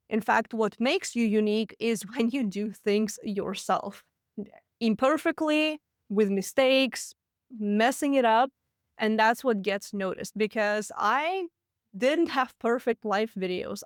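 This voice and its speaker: A woman in her late twenties from Latvia, speaking with a Russian accent, hosts a solo business podcast and tells her own story candidly, quick and chatty with frequent laughs. Her fairly high voice sounds clear and resonant. The recording is dry, with clean studio sound.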